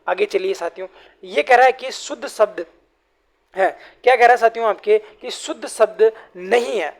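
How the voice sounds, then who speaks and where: A woman teaches an exam-prep class online. She talks in a steady, mid-pitched voice. She keeps asking her listeners a question and then answering it herself, calling them friends again and again.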